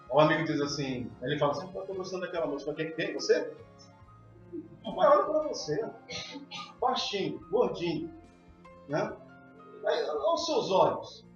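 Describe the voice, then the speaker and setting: A pastor preaches with a strikingly high voice and emphatic appeals to the congregation. The sound is heavily echoey, heard from some distance through a dull recording with faint music underneath. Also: male voice, a bit bright. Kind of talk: sermon. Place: church hall.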